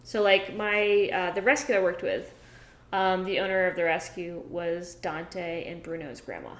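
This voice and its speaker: A woman co-hosting a casual podcast, teasing her co-host and quickly running through plugs. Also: on the low side. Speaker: podcast co-host, dog trainer and business owner. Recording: roomy, echoey room.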